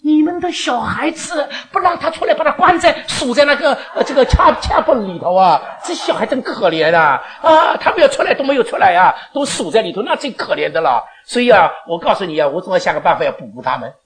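An older woman speaking to her church congregation, animated and rambling, laughing often and slipping in English phrases. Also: fairly high pitch, fairly quick, few pauses. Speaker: elderly church member giving thanks. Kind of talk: emotional speech to a congregation. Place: church gathering.

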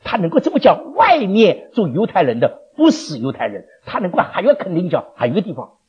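A man teaching a Bible class, animated, questioning his listeners and chuckling often. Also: high-pitched, a little fast, breathy edge. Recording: dull lo-fi recording.

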